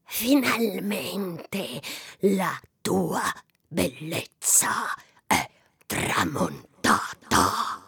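A man's voice: high-pitched, wildly swooping pitch, vocal fry, bright, forceful tone, breathy edge, no echo, clean studio sound, pitched above the performer's own voice, heavily acted. A man putting on a cackling wicked stepmother queen. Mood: menacing. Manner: drawn-out, sly, cackling. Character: wicked scheming stepmother queen disguised as old peddler woman. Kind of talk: storybook reading.

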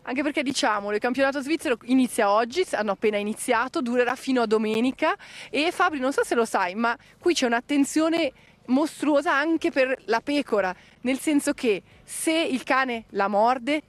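A woman reporting live from an outdoor event, lively and curious, asking questions. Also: high voice, normal speed, dry recording. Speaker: field reporter. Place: outdoors at a sheepdog trial.

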